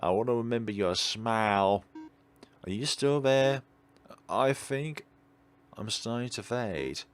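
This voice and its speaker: A man hosting a let's play reads a visual novel aloud, drifting into rambling, digressive musings off the script. He speaks slowly in a clean, medium-pitched voice.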